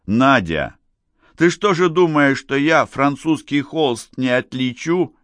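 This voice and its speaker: A man voicing a sly, teasing male artist friend who gets loud when excited. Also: medium pitch, slow pace, no room sound, pitched above the performer's own voice. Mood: bantering.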